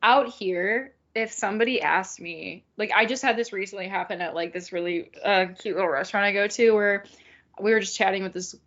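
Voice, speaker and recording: A woman's voice: mid-range voice, a little fast, a bit bright. A young woman from Illinois co-hosting a podcast, rambling in casual chat, swearing freely and laughing often. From Illinois, USA. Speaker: podcast co-host. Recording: dull lo-fi sound.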